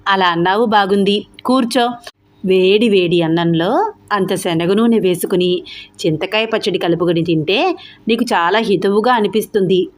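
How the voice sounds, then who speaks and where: A woman's voice: medium pitch, normal speed, natural voice. A woman voicing a toothless, quarrelsome old mother-in-law who scolds and grumbles. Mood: scolding.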